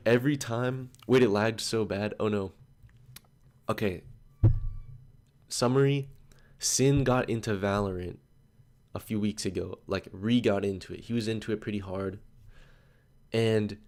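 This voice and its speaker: A man in his twenties with a lowish, slightly mellow voice chats loosely on a study livestream. He drifts between stories, peppering everything with filler "like"s.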